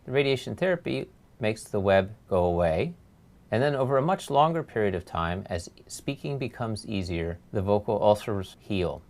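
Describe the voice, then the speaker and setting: A male doctor narrates a scripted medical lecture. His voice sits on the low side, and he explains in a measured way, leaning on the important points. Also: expressive, darkish tone. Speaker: laryngologist lecturer.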